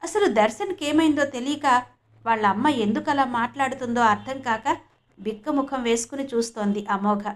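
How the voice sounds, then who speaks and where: A woman from Andhra Pradesh narrating a novel as an audiobook, in steady storytelling. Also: on the high side, moderate pace. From Andhra Pradesh, India.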